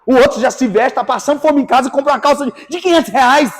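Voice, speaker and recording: High-voiced preacher, loud and soft by turns. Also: male voice, quick pace. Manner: swings between hushed asides and shouted exclamations. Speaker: pastor. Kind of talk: lively evangelical sermon. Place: church.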